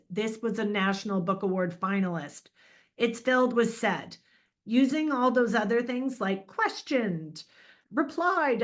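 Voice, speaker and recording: A middle-aged woman, an author, giving a lively, emphatic writing lecture in a conversational way. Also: fairly high pitch.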